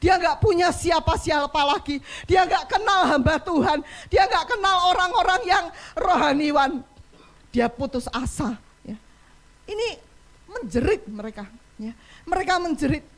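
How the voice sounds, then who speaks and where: A woman's voice: extremely high pitch, animated, measured pace. A woman pastor preaching a passionate sermon in church, acting out pleading cries for help. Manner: impassioned, acts out cries for help.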